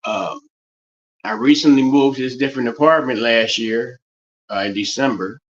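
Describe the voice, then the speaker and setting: A man's voice: medium pitch, normal speed, dull audio, slight background noise. A man with a West Virginia Appalachian accent rambling through a casual livestream monologue, often repeating and restarting his phrases. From West Virginia, United States.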